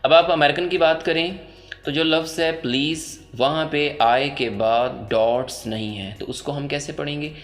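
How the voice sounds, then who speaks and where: A man with a Pakistani accent teaching English pronunciation in a voice-over, explaining slowly and repeating each example word several times. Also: on the high side, fairly even intonation, soft background music. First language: Urdu. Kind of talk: pronunciation lesson.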